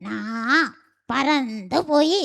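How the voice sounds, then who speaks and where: A woman doing a gravelly, helpful crow. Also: high voice, very slow, fairly bright tone, full character voice. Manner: plaintive then eager, cawing. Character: kind, helpful crow, gloomy about having two legs. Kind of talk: puppet show acting.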